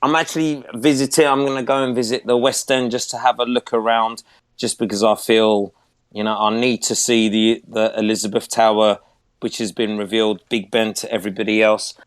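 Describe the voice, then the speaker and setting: A man's voice: on the low side, flat delivery, brisk, clear, resonant tone, no room sound. Earnest man from London, dry sound. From London, England. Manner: earnest, effusive. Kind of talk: casual chat.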